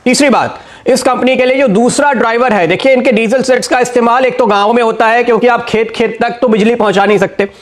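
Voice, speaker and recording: A man giving a steady stock market analysis and talking straight to viewers, explaining why he recommends each share. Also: extremely high pitch, quick pace.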